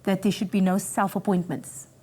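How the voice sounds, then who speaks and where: A woman's voice: mid-range voice, little pitch movement, moderate pace, warm tone. A South African woman speaking as a blunt, stern talent show judge, giving critical feedback to contestants.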